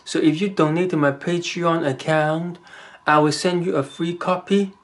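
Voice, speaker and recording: A man with a Chinese accent and a fairly high, steady voice gives casual advice to the camera in his vlog. The delivery rambles and halts, with frequent fillers and restarts.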